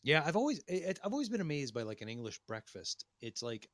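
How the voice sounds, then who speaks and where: A man's voice: a little high, very animated, fast, a bit bright. A man hosting a podcast in casual banter, rambling with restarts and crude jokes. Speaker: podcast host.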